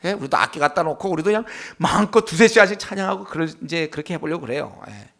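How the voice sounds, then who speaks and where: A man's voice: fairly high pitch, animated, racing, creaky, fairly bright tone. A male pastor preaching a Bible study sermon, emphatic, with frequent rhetorical questions and affirming interjections.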